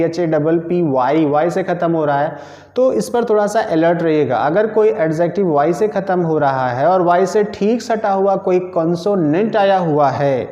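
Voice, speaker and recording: A man's voice: on the high side, dark tone. A man teaches a grammar lesson, patiently repeating each rule and spelling words out letter by letter. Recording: roomy, echoing and dull lo-fi sound.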